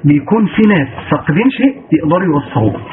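A man's voice: a little high, very animated, rapid-fire. A man with an Egyptian accent giving a motivational religious lesson, asking rhetorical questions and answering them himself. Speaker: religious lecturer. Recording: tinny phone-like line with noise.

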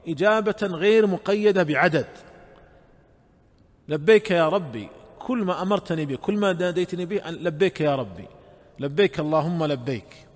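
Male religious teacher, measured explanatory delivery with repeated phrases, slightly higher voice, long hall reverb. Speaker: Islamic scholar. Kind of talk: religious lesson.

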